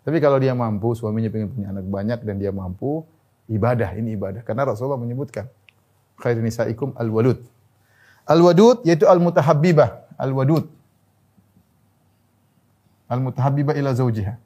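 A man preaching a sermon. He tells jokes and laughs, drawls Arabic phrases slowly, and pushes his voice high and loud when he urges his listeners. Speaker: Islamic preacher.

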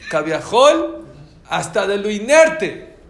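A man teaching a lively religious class, telling stories and quizzing his listeners. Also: sits high, takes it slowly, vocal fry. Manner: animated storytelling, quizzes listeners. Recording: echoey room, faint ambience.

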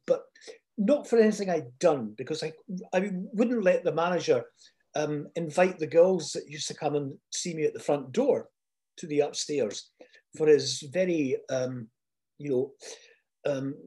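An older man Scotland, telling personal stories reflectively in a hesitant, pausing way. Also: a little high, expressive, darkish tone.

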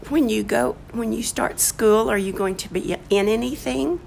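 A woman's voice: a little high, normal speed, vocal fry, a little mellow, slight background noise. An older grandmother, teasing bluntly in a casual family chat as a guest.

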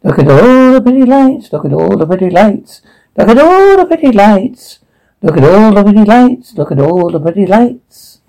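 Man putting on a high possessed demonic voice. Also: very animated, moderate pace, mellow, poor audio. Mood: possessed, eerie. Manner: possessed, obsessively repetitive chant. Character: possessed demonic voice, childlike eerie chanting.

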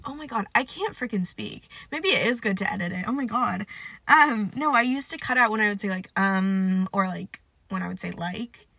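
Stuffed up with a cold, a young podcast host chats loosely on her solo show, filling gaps with "like" and "um" and making self-deprecating jokes. The recording is close, dry, and echo-free, catching her bright, slightly sharp, medium-pitched voice.

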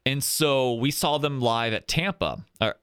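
A young man hosts a casual gaming podcast, talking in a loose, chatty way and running through plugs. His voice is smooth and resonant, and it sounds dry and close. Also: medium pitch, a little slow, no echo. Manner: chatty, wraps up with plugs and shout-outs. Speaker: podcast host.

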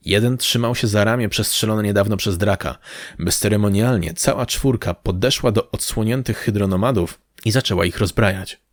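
A man narrating an action audiobook in a steady, even storytelling manner. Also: lowish voice, moderate pace, dry recording, clean studio sound.

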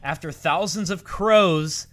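A man's voice: on the high side, slow, a bit bright, soft background music. Man casually reading news on a podcast. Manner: jokey, reads news stories aloud. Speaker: co-host.

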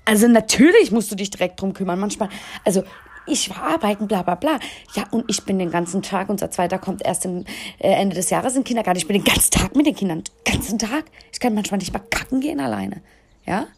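A woman's voice: mid-range voice, animated, fast, noisy background. A woman in her thirties hosting a podcast, delivering a blunt, crude, comedic rant in an exasperated tone. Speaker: podcast host.

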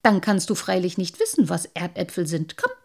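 A woman voicing a group of cheeky young village boys with loud, teasing exclamations in an audiobook. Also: on the low side, sing-song, normal speed, creaky, full character voice. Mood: friendly. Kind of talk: audiobook character reading.

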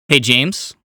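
A man's voice: pushed and bright, no echo. A man co-hosting a podcast, spinning a playful plan and laughing often in casual chat. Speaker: podcast co-host.

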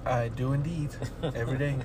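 A man's voice: mid-range voice, fairly even intonation, brisk, darkish tone. A man co-hosting a podcast, chatting casually and joking in a loose, rambling way. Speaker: podcast co-host. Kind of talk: casual chat. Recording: background noise.

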